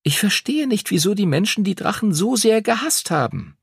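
A man voicing a sharp-tongued young girl with a quick, exasperated manner. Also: high-pitched, very animated, gravelly, slightly rough, no echo, studio quality, pitched above the performer's own voice, exaggerated voice. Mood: curious.

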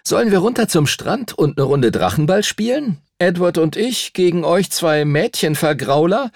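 A man's voice: sits high, big pitch swings, normal speed, gravelly, a little mellow, no echo, clean studio sound, pitched above the performer's own voice, exaggerated voice. A male audiobook narrator voicing a cheeky, lazy boy who teases his friends. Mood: teasing. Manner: mocking and cocky. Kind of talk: audiobook character voice.

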